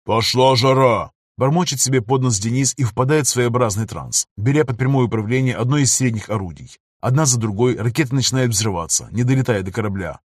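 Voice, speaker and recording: A man reads an audiobook in dramatic narration, switching into the crew's shouted commands when they speak. His voice sits at an ordinary middle pitch, and the recording is dry and close to the mic. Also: lively intonation, quick pace, few pauses, husky, no room sound.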